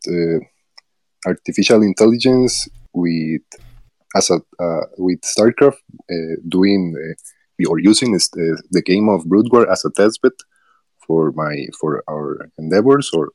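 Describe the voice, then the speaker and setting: A man from Rica, a developer guest on a podcast interview, speaking in a halting way with frequent fillers and restarts. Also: deep voice, darkish tone, no room sound. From Costa Rica.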